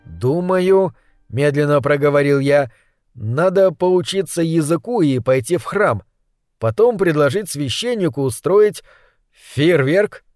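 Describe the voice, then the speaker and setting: A man reading the part of a measured, questioning storyteller in an audiobook. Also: a little high, expressive, a little mellow, no echo, clean studio sound, soft background music. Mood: thoughtful. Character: curious, skeptical male first-person narrator.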